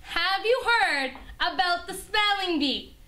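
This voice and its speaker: Young woman playing a bossy, high-pitched, swooping schoolteacher. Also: animated, slow, heavily acted. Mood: bossy, fired up. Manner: commanding, theatrical. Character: intense, bossy, competitive female schoolteacher. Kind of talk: amateur scripted school comedy acting. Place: school classroom. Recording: noisy classroom camera sound.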